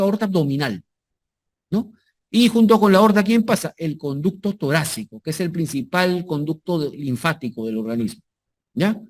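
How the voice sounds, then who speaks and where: A man's voice: a little high, darkish tone. Man lecturing, repeating key terms. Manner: repeats key terms, asks students if they follow; jokey asides. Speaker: anatomy lecturer. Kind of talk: medical lecture with slides.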